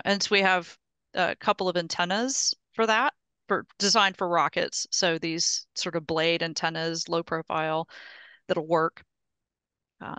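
Gravelly, forceful woman on a headset. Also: fairly low pitch, dry recording. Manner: explains step by step, often restarting words. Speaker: project presenter at an engineering meetup. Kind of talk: casual technical update. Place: home office on a video call. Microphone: headset mic.

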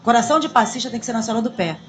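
A woman, talking in a lively, chatty way as a guest in a small radio studio. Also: a little high, very fast. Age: 40s. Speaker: samba school drum queen guest. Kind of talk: casual radio interview. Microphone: studio boom mic.

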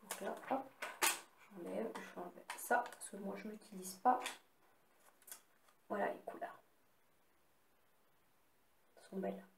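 A woman's voice: medium pitch, steady tone, unhurried, gravelly, pauses often, very noisy. A woman casually showing and swatching eyeshadow palettes she bought, chatty with little apologetic asides. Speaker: beauty vlogger. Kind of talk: casual makeup haul with swatches. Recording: echoey room.

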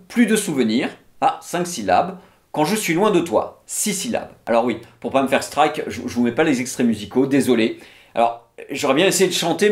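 A man with a French accent giving a casual, chatty talk about poetry, full of little fillers. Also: a little high. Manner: chatty, lively, many "bah" and "hein" fillers. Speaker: literature video host.

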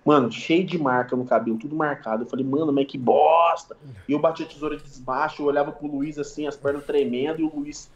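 A man's voice: on the high side, quick pace, reverberant, dull audio. A man, a guest barber, telling stories in slangy casual chat. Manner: relaxed slangy storytelling, sound-effect words. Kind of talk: casual storytelling in a podcast chat.

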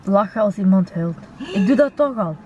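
A woman's voice: medium pitch, lively intonation, normal speed, a little mellow, slightly rough, lo-fi sound. A young woman with a Flemish accent chatting casually, slangy, with Arabic interjections. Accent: Flemish Belgian. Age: young adult. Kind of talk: casual chat. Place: inside a car.

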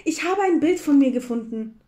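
A woman voicing a young male hare in a children's story, excited and possessive. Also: slow pace. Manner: high, excited, whiny.

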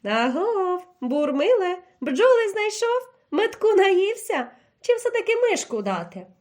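A woman voicing a female owl who taunts and shrieks in a high, shrill voice. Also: expressive, moderate pace. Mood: taunting.

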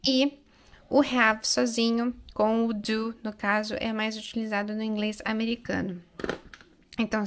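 Brazilian woman, English teacher, explaining in Portuguese, slow and careful, slightly high, gravelly. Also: fairly bright tone. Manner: slow, careful delivery with frequent check-ins like "né?" and "ok?"; reads English lines aloud slowly and clearly.

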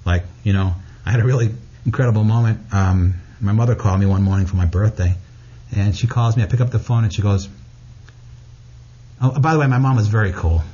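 Husky, blunt-talking man. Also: lowish voice, a little fast, warm tone, muffled recording. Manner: blunt, frank, swears freely. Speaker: guest author. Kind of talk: candid interview talk.

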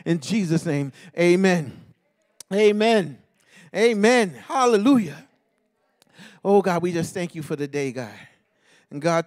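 A man pastor leading a fervent intercessory prayer, ending nearly every phrase with a call to God, rhythmic and half-sung, rising to shouts. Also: sits high, no echo, clean studio sound.

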